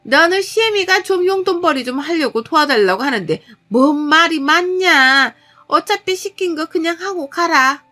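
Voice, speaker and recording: A woman voicing a domineering older mother-in-law who berates her daughter-in-law with shrill contempt. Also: lively intonation, normal speed, pushed and bright, full character voice. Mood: scolding.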